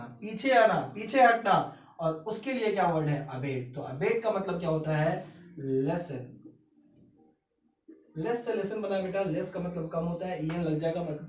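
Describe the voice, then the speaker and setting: A man teaching vocabulary, explaining word meanings in an animated way and often asking and answering his own questions. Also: high voice. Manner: animated, repetitive questioning, calls viewers beta and bhai. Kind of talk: explaining lesson in Hindi and English. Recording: echoey room, mic at a distance, dull sound.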